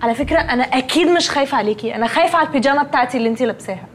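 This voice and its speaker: A woman's voice: sits high, racing, faint music behind, lightly acted. A woman playing a snooty Egyptian young woman. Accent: Egyptian Arabic. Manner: snooty, mixes in English words. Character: fussy pretentious young woman sister. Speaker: sitcom character. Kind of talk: sitcom acting.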